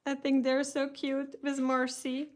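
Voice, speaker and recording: Speaking in a high, monotone voice at a slightly slow pace, a Russian-accented woman runs a relaxed live stream unveiling a craft kit. She greets viewers by name as she chats and frequently starts her sentences over.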